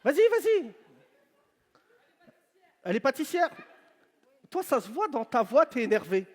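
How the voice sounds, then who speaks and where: High-voiced comedian teasing a crowd. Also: male voice, sing-song, measured pace. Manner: teasing, loud banter with the audience. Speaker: stand-up comedian. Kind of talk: stand-up crowd work. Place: large venue on stage. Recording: live show with long hall reverb.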